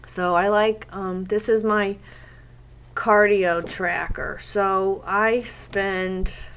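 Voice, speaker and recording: A woman's voice: medium pitch, fairly even intonation, very slow, a bit bright, clean tone. A woman with a congested cold voice, chatting casually and rambling as a fitness teacher while she draws in her journal. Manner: rambling, chatty, wanders off topic. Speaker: fitness instructor and journaling vlogger. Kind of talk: casual chat while drawing.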